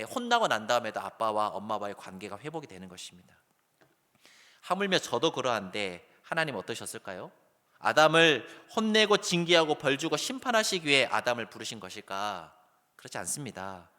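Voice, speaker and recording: Middle-aged korean-church pastor guy preaching, bright voice, swings all over in pitch, long hall echo. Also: a little fast. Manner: animated preaching, acts out calls in a raised voice, then drops soft. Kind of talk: sermon. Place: church sanctuary.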